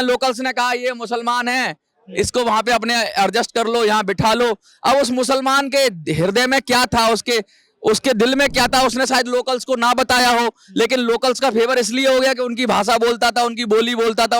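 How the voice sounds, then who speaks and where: A man's voice: extremely high pitch, a bit bright, clear, resonant tone, no room sound. A man answering as a guest analyst in a news debate, explaining at length, restarting and stumbling over words.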